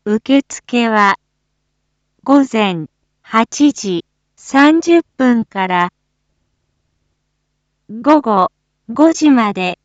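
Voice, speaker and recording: A woman delivers a formal town public-address announcement in a slightly high voice. She reads extremely slowly and deliberately, pausing between short, measured phrases. The sound is dry and somewhat muffled. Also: animated, no room sound. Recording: dull, muffled lo-fi audio.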